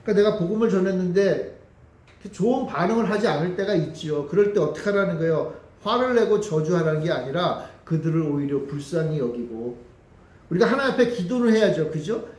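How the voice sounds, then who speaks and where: A man's voice: sits high, animated, fairly quick, darkish tone. A man preaching a Sunday sermon as pastor, talking to the congregation and putting questions to them. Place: church sanctuary. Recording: echoey church hall with faint ambience.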